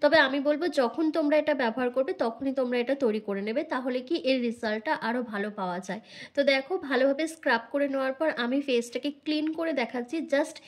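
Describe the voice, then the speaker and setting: A hoarse woman with a Bengali accent from India, giving a skincare tutorial to her viewers as a vlogger. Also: sits high. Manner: brisk, instructive, addresses viewers directly. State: hoarse from illness. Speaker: beauty vlogger.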